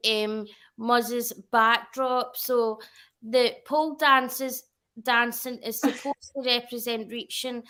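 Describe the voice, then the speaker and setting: A woman chats casually as a livestream guest, her voice bright and ringing and set a little high. She rambles and corrects herself as she goes. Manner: chatty, rambling, self-correcting.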